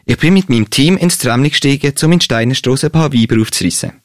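A man's voice: mid-range voice, lively intonation, quick pace, no echo, studio quality, lightly acted. A young man voicing a boastful young man who brags about picking up his girlfriend, with a Swiss German accent. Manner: boastful, blunt.

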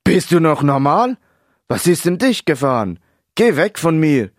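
A man's voice: lowish voice, lively intonation, normal speed, a little mellow, no echo, studio quality, close to an everyday voice. A man voicing a young footballer brother. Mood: outraged. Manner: teasing then indignant. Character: young male footballer, protective older brother.

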